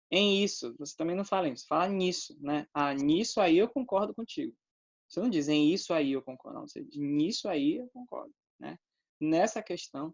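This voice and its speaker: A man's voice: on the high side, dull audio. A male teacher with a Brazilian Portuguese accent giving an online grammar lesson, explaining patiently and checking in often with his students.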